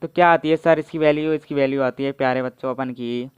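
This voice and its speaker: A man teaching a physics class on video with lots of energy. He keeps prodding his students with questions and answers them himself. His fairly high voice comes through very clear and close, on a dry, slightly dull, lo-fi recording. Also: fairly even intonation, fast talker, no room sound. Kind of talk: online video lecture.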